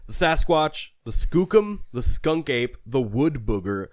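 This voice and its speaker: Young guy podcaster, chatty and jokey, close dry mic, normal pitch. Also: big pitch swings, measured pace, a little mellow, no echo. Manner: chatty, self-deprecating, laughs easily. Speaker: podcast co-host and storyteller. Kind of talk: casual chat and story narration.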